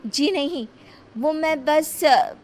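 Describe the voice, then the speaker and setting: A woman's voice: high-pitched, very slow, over music. A woman voicing a naive, curious young kinnar with an earnest, pleading manner in a dramatized story. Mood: shy. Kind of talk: dramatized Hindi story acting.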